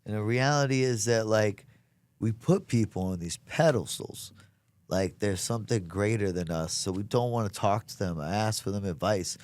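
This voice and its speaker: A man's voice: fairly low pitch, moderate pace, darkish tone. A man chatting casually as an interview guest, earnest and emphatic, with plenty of slang. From south Louisiana, United States. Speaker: comedian being interviewed. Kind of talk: casual chat.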